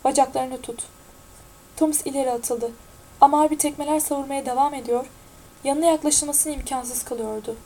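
Woman narrator, high voice, mellow tone, steady audiobook reading. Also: fairly quick, rough recording.

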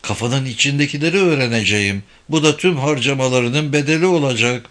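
A man's voice: mid-range voice, a little fast, fairly bright tone, lightly acted. A man reading an audiobook voices a confident young woman journalist who teases her companion. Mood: teasing, self-assured. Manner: teasing and self-assured.

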